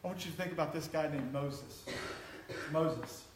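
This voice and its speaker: High-voiced pastor, conversational then fervent. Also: male voice, moderate pace, a little hiss or hum. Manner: conversational, rising to passionate exhortation. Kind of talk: sermon. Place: church sanctuary. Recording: echoey church hall.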